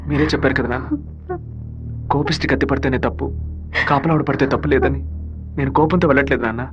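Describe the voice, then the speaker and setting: A man plays a determined young son from a village, talking quickly and earnestly. His voice sits at an ordinary pitch and stays steady in dubbed film dialogue. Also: lo-fi sound, soft background music, lightly acted. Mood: resolute.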